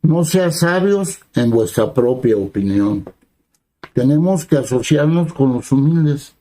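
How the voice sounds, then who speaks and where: A man preaching a sermon in a very dark, mellow voice at a medium pitch. He reads verses aloud and then explains them in everyday words. He keeps asking his listeners short questions as he goes. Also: expressive, takes it slowly, low-quality recording. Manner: asks the listeners brief rhetorical questions.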